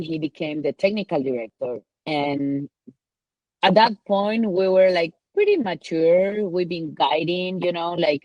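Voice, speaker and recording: A woman's voice: sits low, a little mellow, no echo, rough recording. Ecuadorian woman, filler-heavy guest talk. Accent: Ecuadorian Spanish. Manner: rambling, many "like" and "you know" fillers. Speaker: mountain guide, guest. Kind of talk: casual interview talk.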